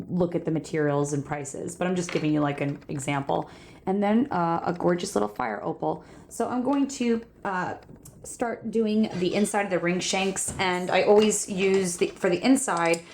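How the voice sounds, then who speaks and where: A woman's voice: on the low side, darkish tone, a little hiss or hum. Chatty young woman vlogging from her studio. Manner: chatty, rambling, many fillers. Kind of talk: casual studio vlog chat.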